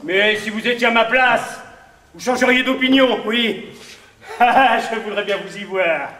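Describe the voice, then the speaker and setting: A man's voice: very high-pitched, unhurried, bright, forceful tone, exaggerated voice. A man acting a furious, exasperated husband who rants theatrically in an amateur stage comedy. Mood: ranting. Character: furious bickering middle-aged husband. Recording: echoey hall, far from the mic, faint hiss.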